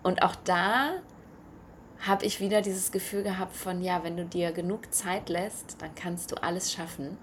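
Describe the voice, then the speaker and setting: A woman hosting a podcast, telling a personal story in a chatty, lively way with many fillers. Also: on the low side, normal speed, a little hiss or hum. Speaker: podcast host. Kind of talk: reflective personal monologue.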